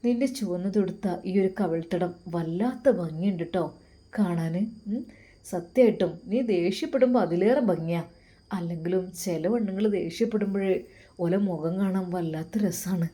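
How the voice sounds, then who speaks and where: A woman putting on a soft-spoken flirtatious husband. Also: expressive, slow pace, pauses often. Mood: coaxing. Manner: low, soft and coaxing.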